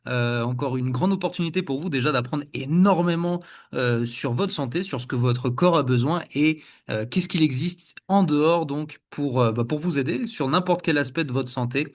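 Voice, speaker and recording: Man, host, halting with lots of fillers, video call. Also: fairly high pitch. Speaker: webinar host. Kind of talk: casual online hosting.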